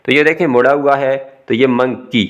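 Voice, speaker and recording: A man's voice: medium pitch, fairly even intonation, moderate pace, dull audio. Guy teaching english sounds, goes up on each new word then drops down. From Pakistan. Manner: explains step by step with rising and falling emphasis. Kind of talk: recorded classroom lesson.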